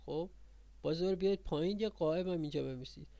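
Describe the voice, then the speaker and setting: Man, Persian accent, high voice, gravelly, teacher explaining and quizzing, dry close sound. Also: mellow, dry recording. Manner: repetitive, quizzing the viewers. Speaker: Arabic grammar teacher. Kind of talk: explaining a lesson on a whiteboard.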